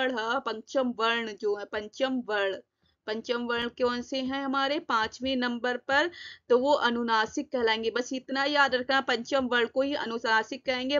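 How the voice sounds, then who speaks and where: A woman's voice: sits high, sharp tone, lo-fi sound. A woman teaching an exam-prep grammar lesson, asking herself questions and answering them, addressing her students fondly. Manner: repeats and quizzes herself, addresses children fondly.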